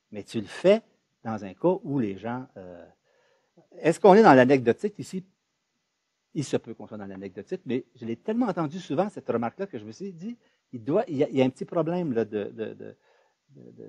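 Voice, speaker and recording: A man's voice: mid-range voice, vocal fry, mellow, husky, no echo. A man with a Quebec French accent, a university professor speaking freely in an academic talk, stumbling and repeating small words as he searches for them. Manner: hesitant, restarts with repeated words.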